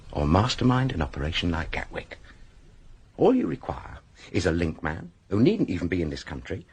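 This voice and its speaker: In a radio crime drama, an actor plays a sharp, world-weary police detective. His husky male voice sits lowish, and he explains things deliberately in a heavily acted performance.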